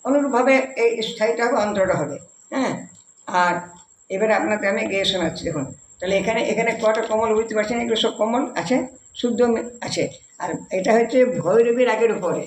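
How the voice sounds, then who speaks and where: A man's voice: high-pitched, brisk, slight background noise. A man teaching a devotional music lesson, explaining patiently and repeating points simply for viewers. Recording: echoey room.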